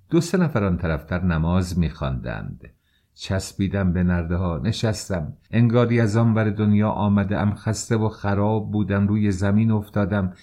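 A man reading an audiobook, narrating in a measured way that slows on sad passages. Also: sits low, dark tone. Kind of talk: scripted narration.

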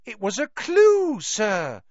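A reader voicing a shrill, excitable male house elf who speaks of himself in the third person, in a storybook reading. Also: slow pace, no room sound. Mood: shrill excited. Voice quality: shrill, squeaky. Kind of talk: audiobook character voice. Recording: dry, slightly dull lo-fi.

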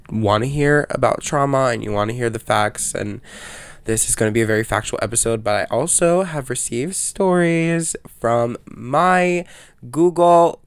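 A man's voice: medium pitch, gravelly, clean tone, dry recording. A man with allergy congestion, hosting a casual solo podcast in a rambling, slangy, self-interrupting way. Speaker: podcast host.

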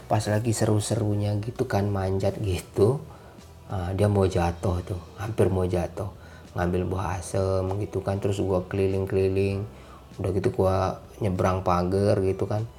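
A young man tells a story in easy street slang, acting out each exchange with lively energy. His voice sits low and mellow. Soft music plays faintly underneath. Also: measured pace. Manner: animated, slangy, acts out dialogue. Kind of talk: casual spoken storytime.

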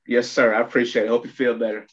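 A man's voice: medium pitch, level tone, fast talker, a little hiss or hum. A podcast host talking earnestly and gratefully with his guest in a casual chat. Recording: dull lo-fi audio.

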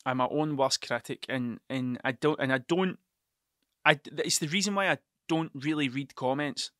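A man's voice: mid-range voice, normal speed, fairly bright tone, dry recording, studio quality. A tired man rambling through a solo podcast, swearing often and stuttering over his words. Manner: sweary, stuttering, restarts sentences. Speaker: podcast host and mural painter.

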